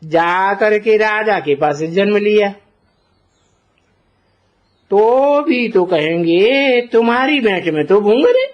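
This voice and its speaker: A man giving a slow spiritual discourse as a teacher, deliberate and posing rhetorical questions to his listeners. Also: high voice, lively intonation. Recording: dull lo-fi recording.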